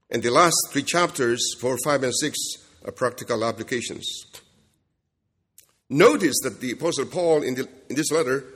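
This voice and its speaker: Guy preaching a bible sermon, kinda husky, repeats stuff for emphasis, long echo like a big hall. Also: mid-range voice, fairly bright tone. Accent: non-standard accent, self-described jokingly as Kentucky. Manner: emphatic, repeats phrases, checks in with rhetorical questions. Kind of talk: expository sermon. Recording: echoey hall with long reverb.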